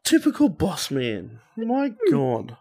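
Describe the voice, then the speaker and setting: A man's voice: a little high, huge pitch swings, takes it slowly, darkish tone, dry recording. A man, joking and teasing friends during a casual game session. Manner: joking, teasing, laughs a lot. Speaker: gaming friend. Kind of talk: casual gaming chat.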